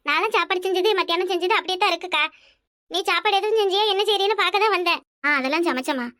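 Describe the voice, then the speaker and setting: Woman, Kanyakumari Tamil accent, very high voice, bright tone, cartoon voice acting. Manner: quick, bickering village chatter. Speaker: voice artist for a family cartoon. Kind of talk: animated village cartoon dialogue.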